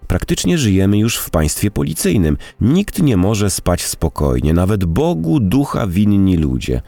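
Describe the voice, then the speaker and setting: Man doing a gallant, evasive young gentleman. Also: lowish voice, big pitch swings, measured pace, gravelly, no echo, pitched above the performer's own voice, full character voice. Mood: cautious. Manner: polite, carefully choosing words.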